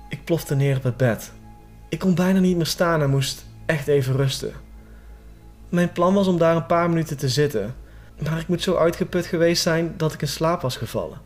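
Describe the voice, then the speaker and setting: A man reading a horror story aloud as a scripted narration, in a steady, suspenseful way. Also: on the high side.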